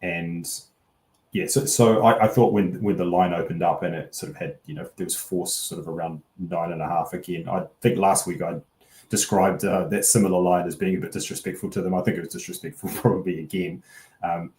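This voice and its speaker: In an echoey room, a rugby betting pundit delivers casual analysis fairly quickly, his deep voice steady in tone and a little mellow. He rambles hesitantly and hedges, circling back around each point.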